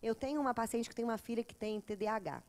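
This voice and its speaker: A woman, a therapist lecturing a class in a lively way, often acting out children and mothers. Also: a little high, fast talker. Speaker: teacher of a psychology course.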